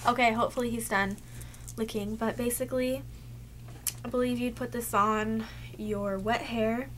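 A beauty vlogger in her young adult years chats casually to camera about a haul from her cluttered bedroom, with "like" all through her speech. She sounds a little sick and is losing her voice. Her tone is steady and on the high side, at normal speed, with slight background noise.

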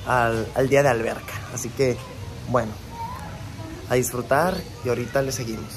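With music in the background, a young travel vlogger films himself at a beach resort, talking at normal speed in a mid-range voice. His narration is casual, chatty and relaxed, aimed at viewers he treats as friends. The phone camera is at arm's length, and wind and sea noise come through outdoors.

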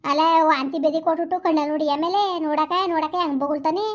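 Brief: shrill, rapid village woman in a skit, scolding, dull lo-fi recording. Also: steady tone. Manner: scolding, consoling, rapid-fire. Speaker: comedy sketch performer. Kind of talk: village comedy sketch. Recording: dull lo-fi sound.

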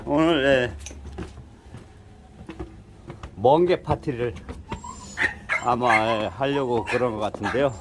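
An older man vlogs casually from his rural home, sharing folksy stories and chuckling a lot. His medium-pitched voice is slow with frequent pauses, and the recording is very noisy.

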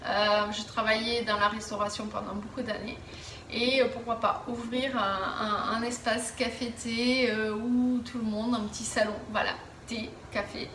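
Sitting in her living room, a woman in her thirties answers viewer questions in a casual chat to camera, with lots of fillers and restarts. Her voice is fairly high, level and a bit bright at a moderate pace. The camera is some distance away, so the sound is roomy with a little hiss or hum.

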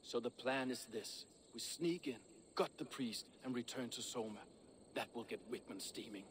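Leif, a man playing a gruff Viking shipbuilder. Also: mid-range voice, normal speed, fairly bright tone, a little hiss or hum, lightly acted. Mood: scheming. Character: proud blunt Viking shipbuilder, middle-aged man. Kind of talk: video game voice acting.

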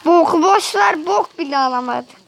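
A woman giving casual gameplay commentary on a tablet, excitable and quick to get frustrated, swearing casually as she plays. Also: extremely high pitch, creaky, slight background noise. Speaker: gaming channel host. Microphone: tablet screen recording. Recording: game music loud behind voice.

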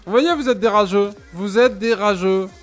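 Soft music plays under this high-voiced Frenchman in his thirties, who speaks at a moderate pace. Streaming a game from a small home room at his desk mic, he teases his chat with mock indignation in easygoing Let's Play commentary.

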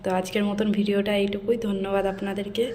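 A woman narrates her morning chores for a home vlog, her voice fairly even and unvaried. The camera sits some distance away, so the room rings heavily around her, with clear household noise in the background. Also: medium pitch, quick pace, heavy reverb, long reverb tail. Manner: friendly, homely, addresses viewers as friends. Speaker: vlogger. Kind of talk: casual vlog narration while doing housework. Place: indoors at home, kitchen and bedroom.

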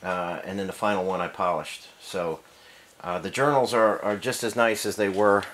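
A man's voice: sits low, steady tone, moderate pace, a bit bright, slight background noise. A man casually explaining engine work in a home garage, matter-of-fact with many fillers, heard from an off-screen camera mic. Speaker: engine builder. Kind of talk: casual workshop demonstration.

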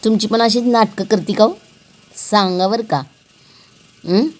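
A woman's voice: mid-range voice, steady tone, a little slow. A woman vlogging about her pet cat in a playful, teasing way, often repeating words and asking viewers questions. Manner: asks the viewers questions directly.

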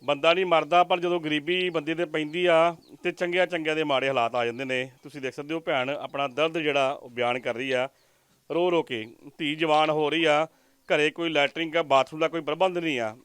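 A man's voice: fairly high pitch, steady tone, brisk, a bit bright, smooth, no room sound. A man with a Majhi Punjabi accent reporting from a village, interviewing a poor family and earnestly pleading with viewers. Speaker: news reporter. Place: village outdoors.

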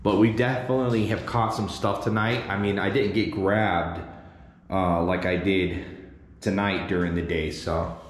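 A man's voice: low voice, fairly even intonation, measured pace. A man in his thirties filming a casual ghost-hunting vlog, talking in a slangy, uneasy way to viewers and spirits. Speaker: solo paranormal investigator, host. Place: abandoned jail at night, indoors and just outside. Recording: echoey empty building, faint noise.

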